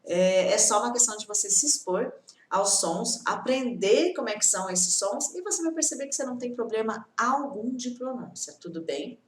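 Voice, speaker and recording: A woman's voice: fairly high pitch, lively intonation, reverberant. A woman from Brazil teaching English in a casual online lesson, chatty and reassuring, often asking "tudo bem?". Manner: chatty, repeats reassuring tag questions; acts out students' complaints in quick bursts.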